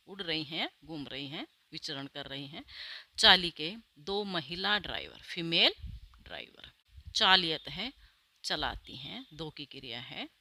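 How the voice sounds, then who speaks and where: A woman teacher, explaining a Sanskrit lesson, reading each word slowly and carefully and then translating it. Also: sits low, bright, forceful tone.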